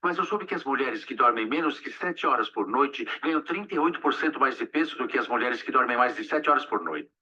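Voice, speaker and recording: A calm, courteous older intern. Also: male voice, medium pitch, far from the mic, highs cut off. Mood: gentle. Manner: gentle, measured, polite. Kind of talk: dubbed film dialogue.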